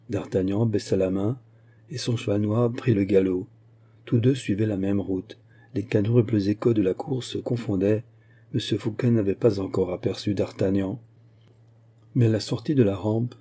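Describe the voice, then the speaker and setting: A man narrating a classic adventure novel as an audiobook, with a measured, dramatic delivery. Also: on the low side, warm tone, husky.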